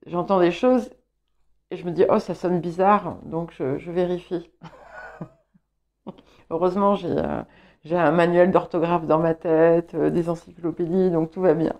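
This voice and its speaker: Slow, gravelly-voiced woman reading tarot. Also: on the low side, dark tone, highs cut off. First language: English. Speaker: tarot reader.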